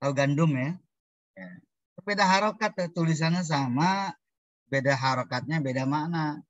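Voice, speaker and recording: A man's voice: a little high, normal speed, no room sound. Male lecturer, online class, repeats points patiently, jokes with wordplay; dull, dry call audio. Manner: repetitive, explanatory, playful wordplay. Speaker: Islamic studies lecturer. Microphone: video call.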